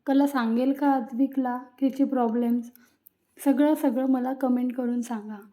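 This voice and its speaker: High-voiced woman recapping an episode. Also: moderate pace. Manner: steady read-aloud storytelling. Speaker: serial episode reviewer. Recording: tinny phone-like sound.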